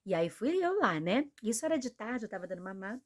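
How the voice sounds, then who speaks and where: This sermon comes from a young woman whose Brazilian Portuguese accent colors a fairly high, sing-song voice. She talks briskly, earnestly, and conversationally, checking in with listeners often through tag questions.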